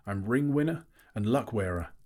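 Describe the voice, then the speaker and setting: A man voicing a nervous, flattering little male hobbit who stammers and talks eagerly. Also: fairly low pitch, moderate pace, pitched above the performer's own voice. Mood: pleased.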